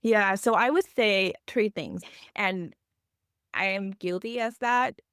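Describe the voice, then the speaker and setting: A woman's voice: medium pitch, slow, a bit bright, clean tone, no echo, clean studio sound. A woman, explaining earnestly as a financial coach in a podcast interview, with phrasing. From Thailand.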